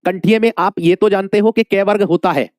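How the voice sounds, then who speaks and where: A man's voice: high voice, steady tone, a little fast, no room sound, clean studio sound. A male Hindi teacher giving an exam-prep lesson, calling his students dear friends, asking questions and repeating the answers many times.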